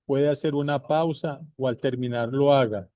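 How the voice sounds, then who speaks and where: Male Bible teacher, unhurried and repetitive, dark mellow tone, dry close sound. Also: medium pitch, steady tone, no echo. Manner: repeats points slowly, addresses viewers directly. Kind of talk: slow deliberate bible teaching.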